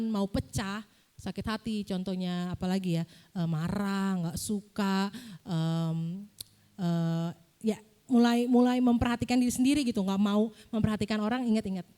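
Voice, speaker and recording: A young woman giving a casual, lively sermon in a church, often asking the congregation questions. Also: medium pitch. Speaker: preacher.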